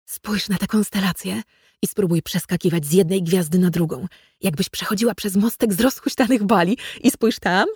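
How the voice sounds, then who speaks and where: A woman's voice: mid-range voice, normal speed, darkish tone, husky, dry recording, studio quality. A woman reading as an eager stargazing husband. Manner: eager, explaining. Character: enthusiastic stargazing husband, adult man. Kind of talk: read-aloud literary fiction.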